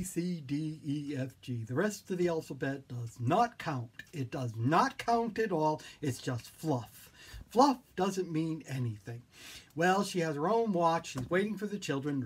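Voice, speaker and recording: A clown performer voicing a whimsical, prim school teacher in a silly storytelling manner, with a husky voice. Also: mid-range voice.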